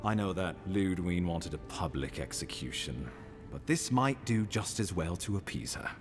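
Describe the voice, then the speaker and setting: Low, animated courtly ambassador. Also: male voice, normal speed, music in the background. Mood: approving, sly. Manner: formal, theatrical. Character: courtly, scheming imperial ambassador, grown man. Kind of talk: fantasy video game dialogue.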